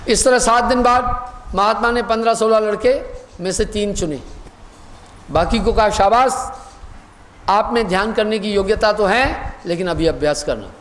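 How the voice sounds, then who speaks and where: A man's voice: high voice, fairly bright tone. Guy preaching, tells a parable and acts out the lines, echoey hall. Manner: storytelling, acts out dialogue, slow recited verse. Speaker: spiritual teacher. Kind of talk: sermon with a told parable.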